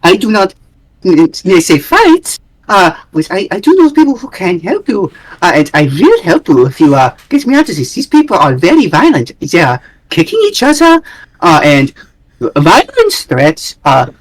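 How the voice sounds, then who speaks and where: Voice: medium pitch, wildly swooping pitch, normal speed, no echo. A player doing a fawning, stammering gnome doctor. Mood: pleading. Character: nervous, overly polite gnome doctor.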